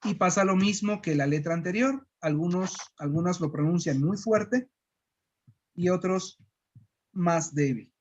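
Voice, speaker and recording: Un profesor de Guatemala que enseña pronunciación con calma, repitiendo sílabas despacio. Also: mid-range voice, muffled recording. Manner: patient, repeats syllables slowly. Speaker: language teacher. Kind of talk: slow pronunciation lesson.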